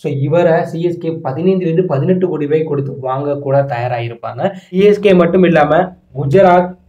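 This cricket voice-over features a man speaking at normal speed, with a slightly high pitch, a dark tone and a Tamil accent. Explaining his auction predictions, he lists teams and prices at a steady clip. The audio is lo-fi, dull and roomy.

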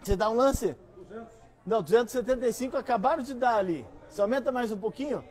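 A middle-aged man with a Brazilian accent working as an auctioneer, coaxing higher bids with repeated calls and pitching items to buyers. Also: quick pace, darkish tone. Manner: repetitive, coaxing bid-calling. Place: large busy antiques store hall, indoors.

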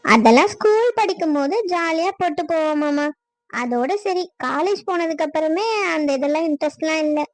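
A woman voicing a young, newly married daughter-in-law in a cartoon, who talks softly and respectfully. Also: high voice, animated, normal speed, no room sound, rough recording. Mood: calm. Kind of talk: cartoon voice acting.

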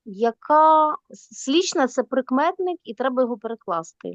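High-voiced woman student, hesitant. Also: lively intonation, normal speed, no echo, muffled recording. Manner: hesitant, sounding out words. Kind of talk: reading aloud in class.

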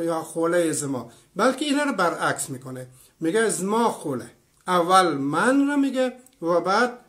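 Man in his fifties, from Iran, high voice, lecturer, explanatory, lots of examples, answers viewer comments. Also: fairly bright tone. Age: 50s. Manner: explanatory, gives many examples. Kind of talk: online lecture with live chat.

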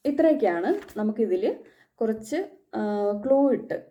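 A woman's voice: fairly high pitch, lively intonation, normal speed, warm tone. A woman from Kerala teaching the German alphabet in a casual spoken lesson, patiently repeating each letter.

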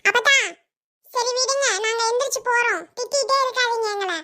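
Woman doing a squeaky young girl, kanyakumari tamil, arguing back politely, cartoon. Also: a little fast, sharp tone. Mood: pleading. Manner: pleading, argumentative. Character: older girl cousin, reasonable and protective. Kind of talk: cartoon voice acting.

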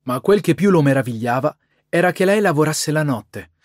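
A man giving a steady, scripted audiobook narration. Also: a little high, normal speed, no echo, studio quality.

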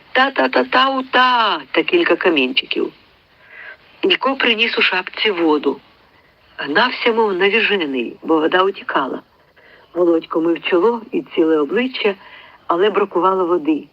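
A man with a notably high voice reads a literary story aloud in an expressive audiobook style. He tells it with lively storytelling and lifts his voice whenever a character speaks. The recording sounds dull and somewhat lo-fi. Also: no room sound. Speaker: audiobook reader.

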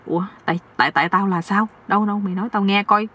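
A woman voicing a bossy older uncle who teases and scolds in a husky voice. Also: mid-range voice, fairly even intonation, rapid-fire, fairly bright tone. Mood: prying. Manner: teasing, scolding.

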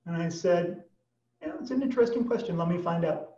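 Speaking over a video call from a small, plain room, this auction executive in his fifties is a guest on a podcast, giving conversational answers full of restarts and tangents. The American's fairly high voice is warm, lively in intonation and a little fast. His computer mic sits at a distance, leaving the audio boxy, echoey and somewhat dull.

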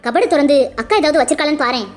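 A woman voicing a calm, caring older woman who soothes a crying girl and gives her instructions. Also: high-pitched, racing, soft background music. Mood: soothing. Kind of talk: cartoon voice acting.

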